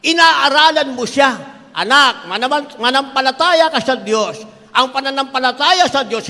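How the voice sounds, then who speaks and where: Older male pastor, high bright voice, forceful emphatic sermon delivery, church hall reverb. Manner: emphatic preaching, addresses congregation as beloved, often acts out voices.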